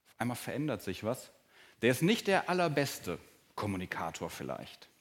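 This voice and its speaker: A man preaching a sermon to his congregation in a church hall. He talks earnestly and often drops to a soft, slow voice to stress a point. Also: mid-range voice, very animated. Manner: earnest, varies pace and volume, drops to soft, slow emphasis. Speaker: pastor.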